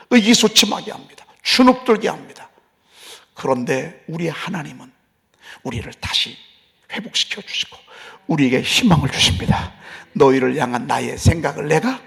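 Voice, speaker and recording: Male pastor, dramatic dawn sermon, gravelly, sanctuary echo. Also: fairly high pitch, a bit bright. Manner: dramatic, acts out voices in asides. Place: church sanctuary. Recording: long hall reverb.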